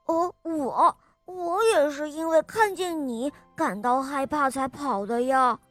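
A small, shy lion from a children's storybook, played by a woman. He talks gently and hesitantly in a high, unhurried voice. The recording is close and dry. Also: dry recording, faint music behind. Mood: gentle. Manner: gentle and hesitant, loud when defending friends. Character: small timid lion cub who grows brave. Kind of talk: storybook character voice.

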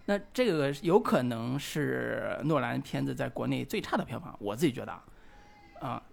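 A man in his forties with a heavily gravelly, creaky voice talks over a film in casual podcast chat. He muses out loud and pauses often to find his words. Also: mid-range voice, lively intonation. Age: 40s. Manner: reflective, hesitant with many fillers. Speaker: podcast co-host.

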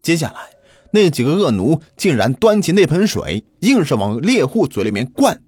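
A man hosting and narrating a folk ghost story in a lively, colloquial storyteller's style. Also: fairly high pitch, normal speed, breathy edge, no room sound, studio quality. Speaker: host and storyteller.

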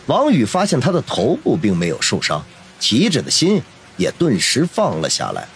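A man narrating a novel in a dramatic, expressive storytelling voice. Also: medium pitch, moderate pace, slight background noise. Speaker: audiobook narrator.

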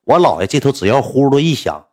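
A young man with a Northeastern Chinese accent talks casually about his school days at a quick pace. When he gets worked up, he becomes animated and his pitch climbs high.

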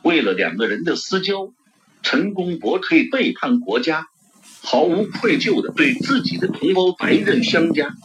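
Expressive male audiobook narrator. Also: on the high side, normal speed, a little hiss or hum. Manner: expressive storytelling. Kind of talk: novel narration. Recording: dull lo-fi recording.

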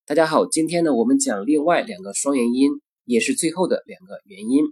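A man teaching pronunciation, saying each example word twice in a deliberate way. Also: medium pitch, sing-song, creaky, a little mellow, husky. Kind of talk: pronunciation lesson.

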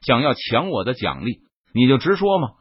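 Composed young cultivator hero, voiced by a man, cool and mocking, husky voice, dry room. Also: mid-range voice, sing-song, fairly quick, no echo, dull audio. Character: calm, unflappable young male cultivator hero.

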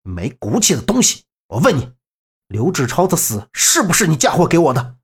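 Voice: medium pitch, wildly swooping pitch, moderate pace, breathy edge, full character voice. A man voicing a stern, ruthless young male sword hero who speaks with cold contempt.

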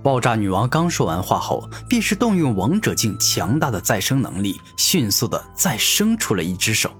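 A male narrator reading a fantasy web novel, dramatic and emphatic, with a lively up-and-down pitch. Soft music runs underneath the narration. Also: normal speed.

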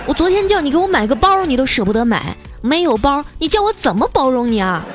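A demanding wife scolds in a sharp, raised voice, with a woman doing the part. She is quick-tempered and pointed. It is a comic spoken story. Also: fairly high pitch, lively intonation, music in the background, pitched above the performer's own voice, lightly acted. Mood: scolding.

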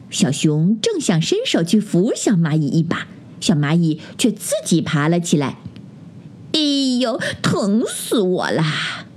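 A woman hosting a children's story program, telling a bedtime story in a gentle, sing-song way. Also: mid-range voice, a little hiss or hum.

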